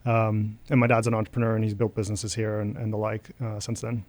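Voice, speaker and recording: A man's voice: on the low side, completely flat delivery, fast, a little mellow, dry recording. Thoughtful man, founder being interviewed. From Russia. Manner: thoughtful, hesitant, many fillers and restarts. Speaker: guest, company founder. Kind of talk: casual interview.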